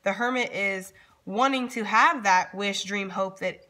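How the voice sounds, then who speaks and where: Bright-voiced woman reading tarot casually. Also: medium pitch, a little slow. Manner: informal, addresses viewers directly, frequently checks in with "okay?". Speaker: tarot reader and channel host. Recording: background noise with card shuffling and clicks.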